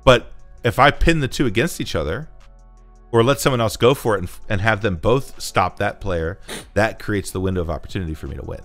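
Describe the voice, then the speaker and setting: A man in his thirties, a podcast co-host on a video call from home, explaining strategy in a measured way and swearing casually. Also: lowish voice, fairly bright tone, soft background music. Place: home room.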